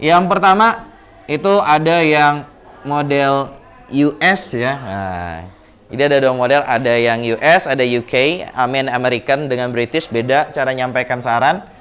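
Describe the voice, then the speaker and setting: In a classroom lesson, a male English teacher with an Indonesian accent explains patiently and repeats words to drill pronunciation. His medium-pitched voice is clear, resonant, and fairly bright, and he speaks a little slowly.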